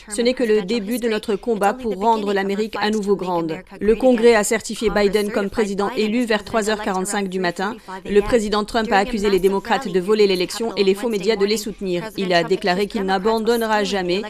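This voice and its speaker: A woman anchor reading a scripted news report in an even, measured way. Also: mid-range voice, a crowd in the background.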